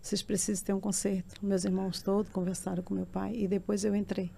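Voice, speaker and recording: A woman's voice: medium pitch, level tone, quick pace, vocal fry, mellow, slight background noise. A middle-aged woman, giving an earnest and emotional personal testimony as a podcast guest. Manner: earnest, emotional storytelling that swells into tearful intensity.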